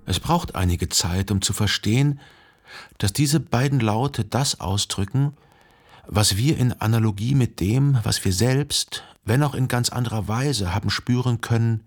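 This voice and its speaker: In a first-person literary radio play, a man with a lowish, husky voice narrates as a brooding, jealous, introspective lover. He thinks slowly out loud, reflective and measured, building long, deliberate sentences.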